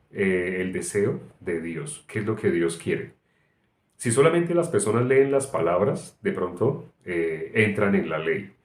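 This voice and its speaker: A man teaching from the Bible, working through a long everyday example with frequent "eh" hesitations. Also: on the low side. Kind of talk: sermon-style Bible teaching. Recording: roomy echo, faint background noise.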